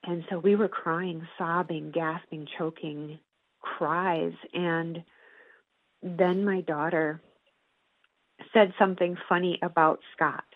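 A woman guest, a psychology professor and author, telling a personal story in an earnest, measured way with long pauses. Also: on the low side, steady tone, dry recording. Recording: tinny phone-like line, dry.

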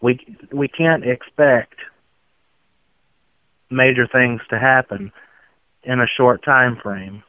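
A man from Tennessee with a slow, unflappable Southern drawl, talking reflectively as an interview guest. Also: mid-range voice, no room sound. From outskirts of Memphis, Tennessee. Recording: muffled narrow phone-like line.

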